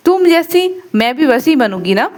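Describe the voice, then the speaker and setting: A woman's voice: sits high, very animated, moderate pace. A woman voicing a stern, sarcastic female professor who is feverish and irritable, scolding with pointed questions.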